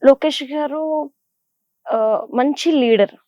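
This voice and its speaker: In a casual interview, a young woman who acts in television serials chats animatedly in a Godavari Telugu accent, filling her answers with lots of fillers. She speaks slowly in a high-pitched voice, and the recording is muffled with no room sound.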